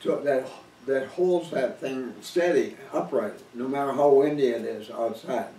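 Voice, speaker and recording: A man's voice: mid-range voice, unhurried, dark tone, recorded from a distance. An older man giving casual camping tips in a rambling, folksy way, recorded on a camera mic. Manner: rambling and folksy, with many restarts. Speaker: hunting and camping instructor. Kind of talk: casual how-to talk. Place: indoors by a stone fireplace, then outdoors on a grassy field. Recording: roomy, from off the mic.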